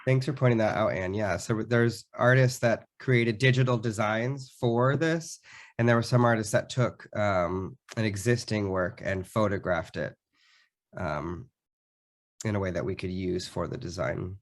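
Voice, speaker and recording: A man giving a slide presentation about a public art program, his voice sick, talking haltingly with frequent ums and restarts. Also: on the low side.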